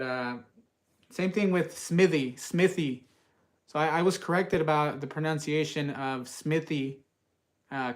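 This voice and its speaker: A man from the US West Coast with a fairly high voice hosts a live cast iron cooking stream for his channel. He chats casually and reads out viewer comments, with plenty of uhs.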